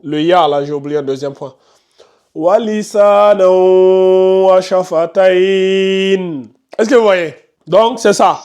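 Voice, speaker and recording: Leading a tajwid lesson in a classroom, a man with a slightly high voice speaks fairly quickly with lively intonation. He repeats his patient explanations often, puts questions to the class, and sternly scolds those who talk.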